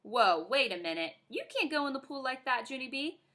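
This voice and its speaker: A woman voicing a patient, sensible mother who reasons calmly. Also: sits high, brisk, slight background noise, pitched above the performer's own voice, exaggerated voice.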